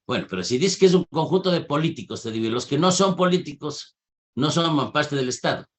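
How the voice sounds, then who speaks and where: A man's voice: on the high side, expressive, a little fast. A man teaching a university class over a video call, questioning students and challenging their answers. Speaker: university lecturer. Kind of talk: online class lecture with questions.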